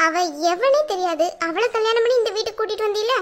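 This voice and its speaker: A woman's voice: very high voice, fast. A woman voicing a blunt middle-aged mother who scolds her son in a cartoon drama. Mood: scolding. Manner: scolding, bossy.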